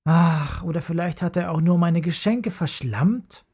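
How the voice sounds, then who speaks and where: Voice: mid-range voice, measured pace, a little mellow, slightly rough, voice pushed up. A narrator voicing a messy young schoolboy in a children's story who grumbles and sulks. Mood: sulky. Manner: grumbling and sulky.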